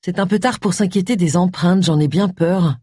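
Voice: medium pitch, moderate pace, dark tone, slightly rough, no echo, studio quality, natural voice. A narrator voicing an anxious vicar's wife. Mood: rueful. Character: worried, kindly vicar's wife. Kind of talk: audiobook character reading.

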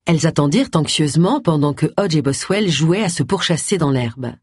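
An audiobook reader giving expressive scripted narration close to the mic. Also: medium pitch, a little fast, breathy edge, no echo. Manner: expressive storytelling.

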